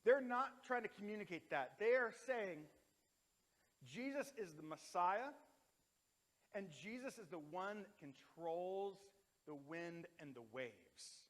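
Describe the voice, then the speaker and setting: A man in his thirties preaching a sermon in a church sanctuary. His voice sits high and bright, and it swings from loud, driving emphasis to quiet, hushed lines. A long reverb trails each phrase through the hall. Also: expressive, slow pace. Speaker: pastor.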